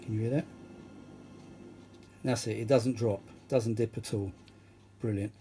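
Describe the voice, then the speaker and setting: This British man, a vintage audio repair vlogger, gives a chatty, meandering demo full of exclamations. He speaks a little slowly in a fairly low, steady, dark-toned voice over faint background music, and the noisy recording has obvious background noise.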